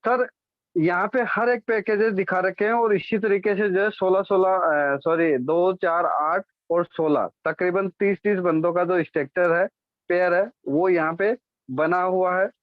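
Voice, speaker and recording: Speaking at a measured pace with fairly even intonation, a high-voiced man presents a business plan in an explanatory talk. He often corrects himself and keeps asking "ठीक है?" of his listeners. The recording is dry, dull and lo-fi, with no echo.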